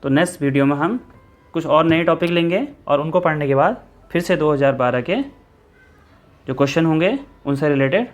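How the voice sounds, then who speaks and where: A man's voice: fairly high pitch, brisk. A man teaching an exam-prep maths lesson, working through a problem step by step and repeating key points, with faint music behind him. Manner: steady explaining, repeats steps, self-corrects. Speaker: maths tutor.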